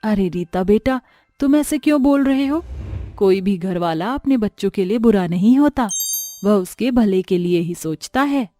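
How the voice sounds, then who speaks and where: A woman voicing a gentle, pleading old mother-in-law in a storybook tale, speaking softly and meekly. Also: medium pitch, moderate pace, dry recording, soft background music, close to an everyday voice. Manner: soft, meek and pleading. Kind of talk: storybook voice acting.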